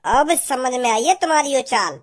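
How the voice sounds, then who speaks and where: An actor doing a squeaky, angry village man. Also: animated, normal speed, noisy background. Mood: accusing. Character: angry rural village man, a patient, quarrelsome and loud. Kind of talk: cartoon voice acting.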